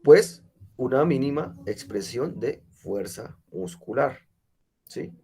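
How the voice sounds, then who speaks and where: Speaking slowly and expressively, this man has a medium-pitched, warm voice with a breathy edge. While battling a cold, he runs an online PE lecture, explaining step by step and often pausing for rhetorical checks with his students.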